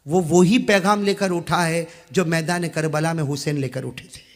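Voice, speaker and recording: A man from Gujarat preaching an emotional sermon, swinging from quiet talk to impassioned shouting and urging the crowd to answer back. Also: high-pitched. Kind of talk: emotional sermon to a live gathering. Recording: long reverb from a large hall.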